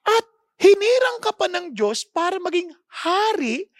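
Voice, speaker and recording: A woman's voice: extremely high pitch, big pitch swings, measured pace, no echo. A woman from the Philippines with a Filipino accent, preaching a sermon that mixes Tagalog and English, putting rhetorical questions to her listeners and explaining words with emphasis. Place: podcast recording.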